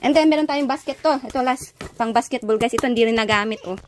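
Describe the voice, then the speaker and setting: A young adult woman from the Ilocos region of the Philippines with an Ilocano accent, chatting casually in a vlog and filling pauses with "ayan" and "guys". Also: a little high. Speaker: vlogger. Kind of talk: casual vlog showing found items. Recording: noisy background.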